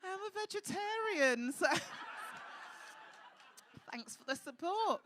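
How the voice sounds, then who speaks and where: A man with a high-pitched voice hosting a live stand-up night, teasing the crowd with cheeky, camp, sweary banter on a comedy club stage. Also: lively intonation, takes it slowly, pushed and bright. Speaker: comedy host.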